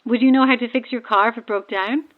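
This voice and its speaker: A woman talks fast in a slightly high, steady voice, playing a self-deprecating Irish passenger radioing from a stranded boat in a horror audio drama. The mood is breezy and chatty, and the sound is a thin, narrow-band marine radio call.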